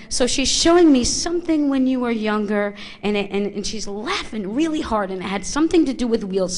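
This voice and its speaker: A woman working as a psychic medium before a live audience, speaking into a handheld microphone in a small theater, thinking aloud with many restarts. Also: medium pitch.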